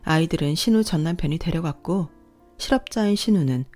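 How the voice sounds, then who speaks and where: A woman narrating a scripted first-person story in an even, steady way. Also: deep voice, brisk, faint music behind.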